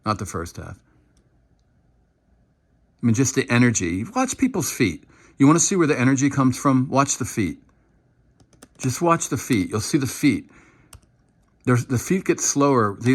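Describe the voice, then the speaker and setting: A man giving casual, animated commentary while breaking down football game film, now and then acting out what the players shout. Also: mid-range voice. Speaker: football analyst.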